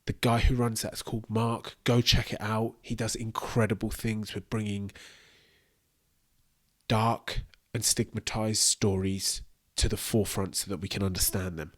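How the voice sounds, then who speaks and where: A man hosting a commentary video, speaking in a calm, measured way. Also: lowish voice. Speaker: host.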